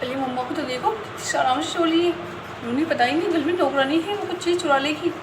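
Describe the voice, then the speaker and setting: A woman voicing a spoiled, mischievous little girl who whines loudly at her mother, recorded in a roomy, noisy space. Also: sits high, fairly quick, distant mic, lightly acted. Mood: scheming. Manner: whiny and loud.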